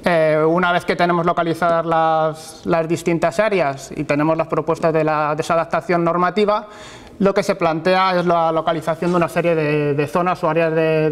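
A man presenting a research project at an academic seminar, often repeating words as he searches for the next phrase. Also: a little high. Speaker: university lecturer presenting research. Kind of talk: academic conference talk. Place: lecture hall with projected slides.

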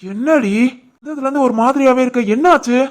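A woman voicing a young husband and son in an animated family drama, scolding and stern, with a Tirunelveli Tamil accent. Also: sits high, fairly quick, close to an everyday voice. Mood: angry. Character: young husband and son, short-tempered man.

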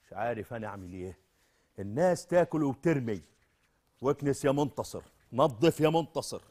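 A man's voice: medium pitch, animated, a little fast, a little mellow, natural voice. A man with an Egyptian accent playing a weary, jumpy street sweeper in a comedy sketch. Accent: Egyptian Arabic. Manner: complaining, nervous, absurd.

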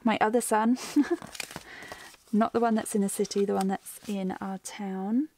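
A woman's voice: medium pitch, flat delivery, unhurried, mellow, slight background noise. A middle-aged woman rambling and thinking aloud as she plans, her voice a little worn as it starts to go. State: losing her voice. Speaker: planner vlogger. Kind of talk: chatty plan-with-me narration.

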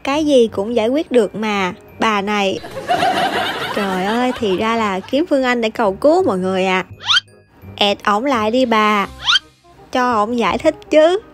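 A woman's voice: fairly high pitch, animated, moderate pace. A young woman gives teasing, chatty commentary over her gameplay and laughs often. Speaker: gaming YouTuber. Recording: voice over loud background music.

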